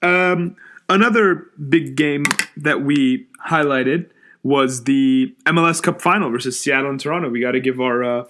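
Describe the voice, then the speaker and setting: A young man co-hosting a podcast, discussing games in an easygoing way and chiming in with quick agreements. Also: medium pitch, fairly bright tone. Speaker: podcast co-host. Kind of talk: casual sports chat.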